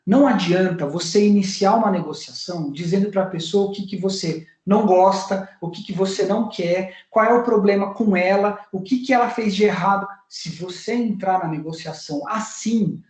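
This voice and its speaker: Brazilian guy lecturing on negotiating, fairly high voice, echoey room, acts out example lines. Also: moderate pace, hardly any pauses, a little mellow. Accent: Brazilian Portuguese. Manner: didactic, acts out sample phrases. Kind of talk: university talk on negotiation. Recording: roomy echo.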